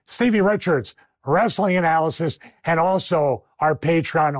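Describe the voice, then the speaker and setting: Man, Philadelphia accent, middle-aged, fairly high voice, emphatic commentary, dry close sound. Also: no echo. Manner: emphatic, repeats phrases for stress. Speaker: host, wrestling analyst. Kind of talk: commentary over match footage.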